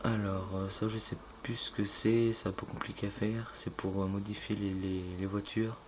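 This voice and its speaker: A man casually talking through a game tutorial, halting with fillers and loose slang, filmed on a phone at a home computer. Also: fairly low pitch, flat delivery. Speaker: gaming tutorial maker. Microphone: phone filming a screen. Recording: phone recording with faint room noise.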